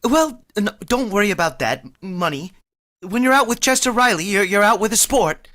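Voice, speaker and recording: In a vintage radio comedy style, an actor plays a boastful, easily flustered working-class man who blusters and stammers when nervous. His voice sits high and is expressive, with a sharp tone and a moderate pace.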